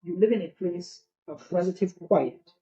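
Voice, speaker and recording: A middle-aged man talks through his thoughts on life as a podcast guest, slow to draw conclusions and fond of a good saying. His voice sits a little high for a man yet sounds soft and warm. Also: highs cut off. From Barbados. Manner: reflective, philosophical. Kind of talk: casual podcast conversation.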